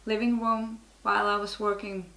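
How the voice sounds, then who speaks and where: A gravelly, somewhat bright mid-range voice with little pitch movement comes at a normal speed in a reverberant space. It belongs to a middle-aged Norwegian network marketer, a guest in a casual interview who speaks frank, Norwegian-accented English and often restarts her sentences.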